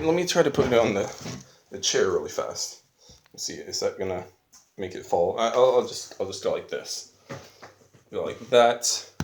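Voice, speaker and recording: A man with a lowish voice rambles enthusiastically through an unscripted video review, using slangy everyday language. He's an online video host and reviewer, recording on a phone camera that picks up a roomy echo and a little hiss or hum.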